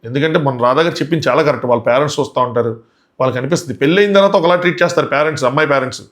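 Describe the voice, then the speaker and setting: A man's voice: mid-range voice, racing. A man reviewing a reality show in casual commentary, indignant and full of rhetorical questions.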